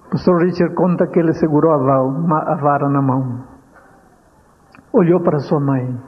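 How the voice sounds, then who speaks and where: A male preacher telling a story in a sermon, dramatic and drawing out key words slowly. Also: fairly high pitch. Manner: dramatic, with slow deliberate stretches. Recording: dull radio sound with long hall reverb.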